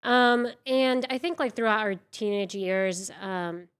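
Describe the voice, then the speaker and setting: Unhurried and smooth at medium pitch, a native Spanish speaker from Venezuela talks casually as an interview-show guest, peppering her speech with fillers and poking fun at herself.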